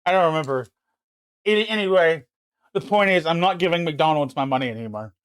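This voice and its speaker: A man's voice: on the high side, a little fast, fairly bright tone, clear, resonant tone, no room sound, studio quality. A man hosting a livestream, chatting casually and ranting with emphatic, profane complaints into a desk mic. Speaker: livestream host. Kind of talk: casual chat.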